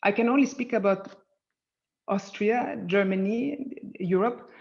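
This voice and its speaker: Woman author, candid storyteller on a lo-fi video call, mid-pitched, talks with fillers. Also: measured pace, a little mellow. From Palestine. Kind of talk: virtual book event conversation. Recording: dull lo-fi video call audio.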